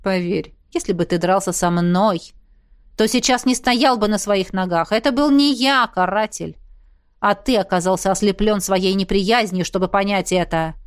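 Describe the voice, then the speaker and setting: Calm, cold male ice mage for a storybook, measured and dry, read by a woman. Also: medium pitch, smooth, dry recording, close to an everyday voice.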